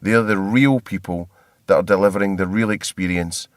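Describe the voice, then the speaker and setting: Scottish podcast host guy, kinda low voice, chatty and joking, dry close sound. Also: moderate pace, no echo. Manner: chatty, laughs often, self-deprecating. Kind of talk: casual podcast chat. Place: hotel.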